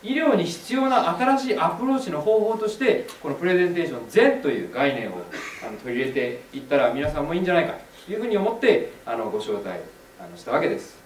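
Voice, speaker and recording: A man interprets a stage presentation at very high speed, his voice a little high. He is heard from a distance in an echoey hall with faint ambience. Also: sing-song, slight background noise. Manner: quick, polite asides to the audience. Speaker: interpreter and co-host. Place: large hall, recorded from afar. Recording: echoey hall, far from the mic.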